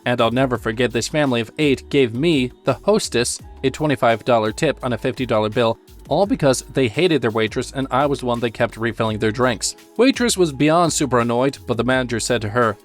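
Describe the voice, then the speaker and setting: A man reading online stories aloud as a scripted narration, in a steady, even storytelling manner. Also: mid-range voice, fairly quick, faint music behind.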